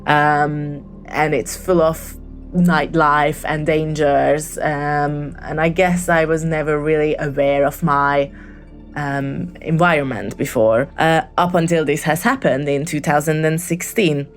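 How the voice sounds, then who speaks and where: A Hungarian woman leaves a voicemail telling a true story in a casual, hesitant way, full of ums and restarts. Her voice sits low and steady, and she speaks slowly over faint music.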